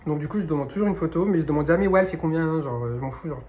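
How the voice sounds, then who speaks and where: A man's voice: fairly high pitch, lively intonation, very fast, warm tone. A young man talking casually and frankly in a question-and-answer vlog, full of slang and fillers. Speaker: YouTuber answering viewer questions. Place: indoors, sitting on his knees.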